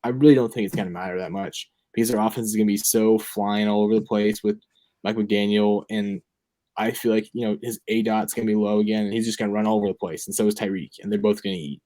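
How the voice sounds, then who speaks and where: A young man with a fairly low voice talks through his picks in casual chat. He rambles and thinks aloud, dropping plenty of ums and likes as he goes. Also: fairly even intonation, quick pace, warm tone. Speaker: fantasy football podcast co-host.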